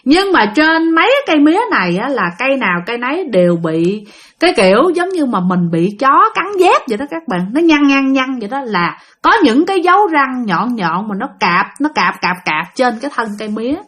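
Speaking a little high and fairly quickly, this woman narrates a ghost story in a Southern Vietnamese accent. She's lively and talks straight to her audience.

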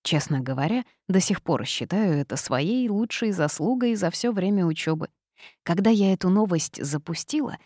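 A woman's voice: low voice, a little mellow, no room sound, clean studio sound. A woman reading a first-person storybook narration aloud in a wry, sardonic manner. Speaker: audiobook narrator.

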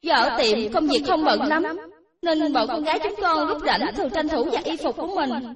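A woman voicing an excitable, remorseful young female cashier in her twenties. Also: high-pitched, normal speed, pitched above the performer's own voice. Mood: excited. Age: 20s. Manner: excitable, exclaiming, pleading. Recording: roomy echo, distant from mic.

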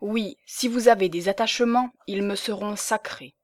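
A woman's voice: medium pitch, moderate pace, no echo, lightly acted. A bitter, jealous older spinster speaks with a fierce, vengeful edge, as a woman reads her in an audiobook. The voice sits in an ordinary middle range. The recording is close and dry, with no room sound. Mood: fervent. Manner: intense, vengeful undertone. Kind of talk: audiobook reading.

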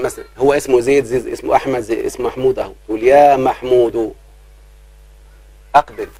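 A man with an Egyptian accent teaching grammar in a live class, checking often whether students follow and drawing out his examples slowly. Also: medium pitch, slightly rough, no echo, poor audio. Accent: Egyptian Arabic. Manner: keeps quizzing students, slows down to drawl examples.

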